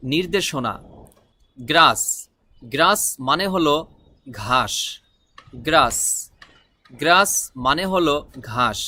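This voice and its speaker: A man from Bangladesh, teaching English words and repeating each word and meaning slowly. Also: a little high, sharp tone. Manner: slow repetitive word drilling. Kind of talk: vocabulary lesson.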